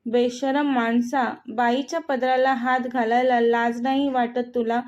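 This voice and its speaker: Storybook role: a desperate older father, pleading slowly, read by a woman with a high voice. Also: little pitch movement, darkish tone, dull audio, lightly acted. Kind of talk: storybook reading.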